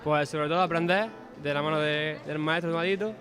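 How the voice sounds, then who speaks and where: A young man, a conservatory guitar student giving quick, eager interview answers. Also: a little high, fairly even intonation, a bit bright, some chatter behind.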